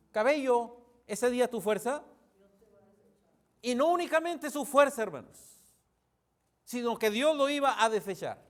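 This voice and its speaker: Preaching with force, this man speaks in a very high pitch as he repeatedly addresses his congregation. Every so often he abruptly lowers his voice to a near whisper.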